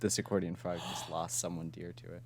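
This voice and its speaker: A man's voice: low-pitched, flat delivery, brisk. A man co-hosting a podcast in casual chat, rambling and laughing often as he brainstorms. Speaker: podcast co-host.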